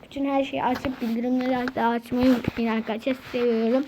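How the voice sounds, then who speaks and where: A woman chats through her gameplay in a casual, excitable way, half talking to herself, half to her viewers. Her voice sits somewhat high. The home recording is noisy, with a hiss and clicks under it. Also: fast. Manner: chatty, excitable, talks to self and viewers. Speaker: gaming channel host.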